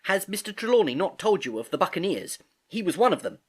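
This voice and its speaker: A man's voice: sits high, sing-song, quick pace, husky, pitched above the performer's own voice, exaggerated voice. A man voicing an eager, polite young cabin boy in an audiobook. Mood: eager, earnest. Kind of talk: audiobook character acting.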